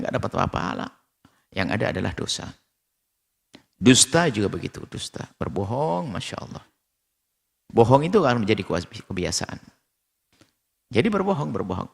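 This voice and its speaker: A man preaching a sermon, quoting Arabic sayings and translating them, acting out little scenes in a lively storytelling manner. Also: vocal fry, breathy edge. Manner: animated storytelling, acts out characters with sharp pitch jumps; quotes Arabic hadith then translates. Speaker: Islamic preacher. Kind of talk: sermon with acted-out anecdotes.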